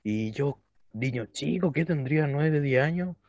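A young adult Chilean man co-hosting a casual podcast, relaxed and slangy, telling childhood stories. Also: a little high, a little slow, dry recording, highs cut off. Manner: relaxed, laughs often, slangy. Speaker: podcast co-host. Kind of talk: casual chat.

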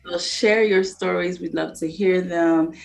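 A woman's voice: lowish voice, steady tone, a little slow, vocal fry, a crowd in the background. A young woman from a Haitian family co-hosting a casual podcast, playful and laughing, firing off mock-incredulous questions. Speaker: podcast co-host.

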